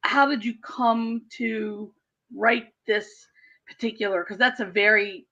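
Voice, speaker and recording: A woman's voice: mid-range voice, fairly even intonation, slow pace, sharp tone, dull audio. A woman host who asks chatty, hesitant interview questions full of ums.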